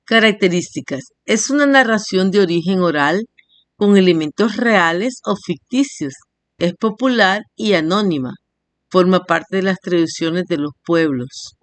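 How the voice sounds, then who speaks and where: Woman teacher sounding out syllables slowly. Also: on the low side, no echo. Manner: slow, spells words out syllable by syllable; reads definitions and examples in a steady teaching voice. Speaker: primary school teacher. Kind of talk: recorded language lesson.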